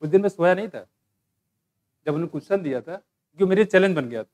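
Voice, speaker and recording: A man's voice: high voice, expressive, fast, darkish tone. A young man teaching a biology lesson, telling a personal story and reading textbook lines in a loose, conversational way with frequent fillers. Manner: conversational, frequent "ठीक है" fillers, mixes English textbook phrases. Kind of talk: classroom lecture with personal anecdote.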